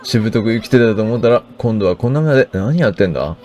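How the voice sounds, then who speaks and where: A man's voice: on the low side, animated, quick pace, a little mellow, natural voice. A man doing a brash, mocking little sidekick. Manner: mocking, rough-spoken.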